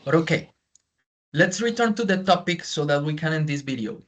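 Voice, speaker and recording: This man's voice sits a little high and sounds expressive and a bit bright, moving at a normal speed. He's a native Spanish speaker with a heavy accent, coaching English over video and frequently restating things in Spanish during an online feedback session.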